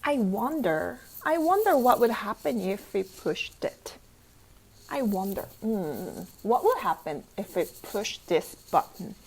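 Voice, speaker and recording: A woman teacher reads a picture book aloud to children, playful and interactive, asking questions, adding exclamations and sound effects, and slowly repeating phrases for young learners. Her medium-pitched voice is sing-song, darkish, and husky. The recording is low quality.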